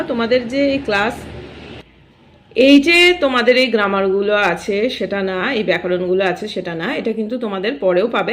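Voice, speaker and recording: A young woman, teaching a grammar lesson to schoolchildren and explaining it step by step. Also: on the high side. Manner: explains step by step, often saying "dekho".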